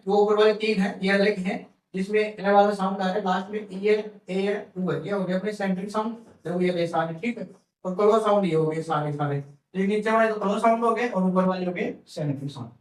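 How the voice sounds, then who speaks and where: Echoey male teacher drilling sounds. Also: high-pitched. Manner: repeats words slowly, asks questions and answers them himself. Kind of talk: classroom lesson. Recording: echoey room, mic from far.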